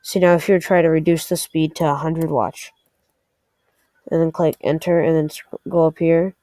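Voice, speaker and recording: Her voice is low and warm, with fairly even intonation and normal speed, recorded without echo. She's presenting a casual game walkthrough on screen, thinking aloud and somewhat hesitant in her explanations.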